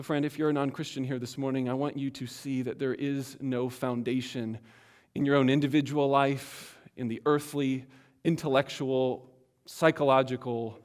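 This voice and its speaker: A man preaching a sermon as pastor, earnest and emphatic, swinging between loud passages and hushed ones. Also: mid-range voice.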